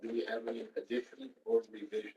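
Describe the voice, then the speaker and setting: A man chairing a town board meeting, running through the agenda in a brisk, procedural way. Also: medium pitch, very animated, dark tone. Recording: roomy hall, mic far off.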